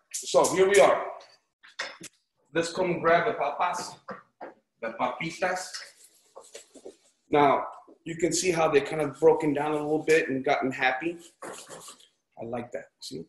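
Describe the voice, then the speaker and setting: A fairly high, steady male voice, unhurried and full of long pauses, leads a relaxed cooking class. He's encouraging and chatty, checking in often with "right?" and "okay?" as he shows each step; echo and background noise are audible.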